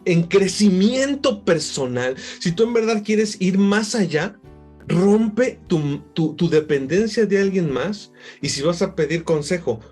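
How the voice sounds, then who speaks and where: Husky pastor preaching. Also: male voice, high voice, a little mellow. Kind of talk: sermon.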